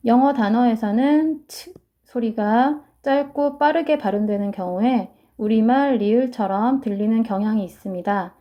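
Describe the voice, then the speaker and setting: A woman's voice: a little high, normal speed. Patient female teacher explaining pronunciation, muffled. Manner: patient, step-by-step instruction. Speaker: English teacher. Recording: muffled lo-fi sound.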